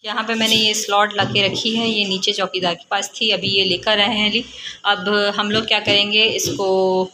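A woman's voice: medium pitch, little pitch movement, moderate pace, sharp tone, a little hiss or hum, poor audio. A young woman in a casual home vlog, chatting about her chores and talking with her husband. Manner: coaxing, scolding tone with children. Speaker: vlogger and mother.

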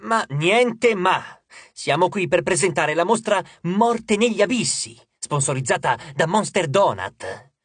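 A man voicing a pompous, grumpy male sea god who talks like a booming showman announcer, slow and loud. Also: very animated, husky, no echo, exaggerated voice. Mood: bossy.

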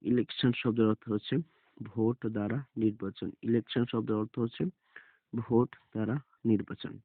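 A man teaching English reading in a slow, deliberate way, spelling out words letter by letter and repeating each word and its meaning. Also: fairly low pitch, flat delivery, no room sound. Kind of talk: spelling-out lesson. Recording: dry, phone-like lo-fi sound.

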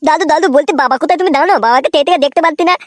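Brief: woman playing a cheeky cartoon grandson, very high, rattles lines off at top speed. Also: no room sound, studio quality, natural voice. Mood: pestering. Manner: nagging, quick back-talk. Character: cheeky young grandson, pestering. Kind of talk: cartoon voice acting.

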